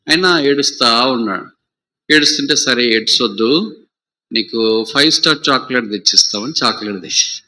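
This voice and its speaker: Bright-voiced storytelling Telugu preacher man. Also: medium pitch. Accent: Rayalaseema Telugu. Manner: conversational storytelling, asks the audience questions. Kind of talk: sermon with a parable.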